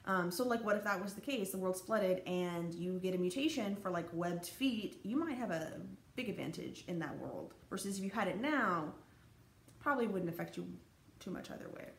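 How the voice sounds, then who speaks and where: With lively intonation at a normal speed, a young woman whose voice sits on the low side gives a casual, rambling college anthropology lecture over slides, full of fillers and restarts. It's recorded in an echoey room with faint noise behind her.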